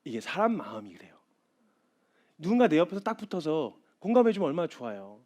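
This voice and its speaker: A man in his thirties preaching a sermon as a missionary, animated, acting out little scenes and then dropping to a quiet, intense tone. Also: on the high side, a little fast, muffled recording. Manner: animated, acts out voices and crying, drops to quiet intensity.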